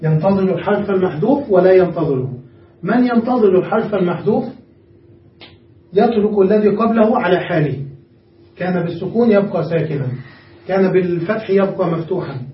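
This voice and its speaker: Speaking a bit fast in a high register, a male teacher works patiently through grammar with his class and often checks their understanding. The audio is muffled and echoey, as if captured from across the room.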